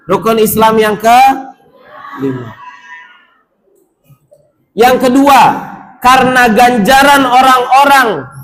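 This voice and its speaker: A man's voice: very high-pitched, a bit bright. A male preacher giving a sermon to pilgrims in a mosque, urging them on, acting out doubting worshippers and chanting Arabic.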